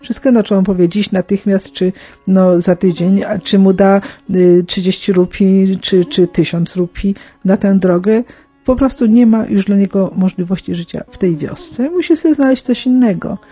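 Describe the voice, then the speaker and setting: A middle-aged woman speaking unscripted in a radio interview, explaining in a halting way and often correcting herself. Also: medium pitch, warm tone, breathy edge, muffled recording, faint music behind. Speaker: interviewed aid worker among lepers in India.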